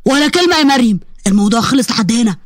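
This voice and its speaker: Woman putting on a stern young Egyptian husband, lowered firm voice, rapid-fire delivery, dry close sound, storybook drama. The voice stays fairly high even when pushed down. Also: no echo. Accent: Egyptian Arabic. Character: young man, angry husband turning protective.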